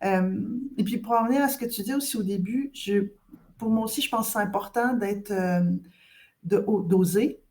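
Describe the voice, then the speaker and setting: Québécoise d'âge moyen, bavarde. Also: female voice, mid-range voice, moderate pace. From Quebec. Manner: warm, chatty, many hesitations. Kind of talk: casual podcast conversation.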